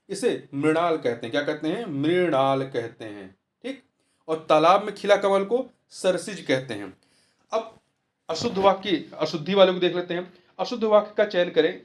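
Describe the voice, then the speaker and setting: A man tutoring through a Hindi test paper, explaining each answer step by step and repeating the key words. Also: high-pitched. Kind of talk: test-paper walkthrough lesson.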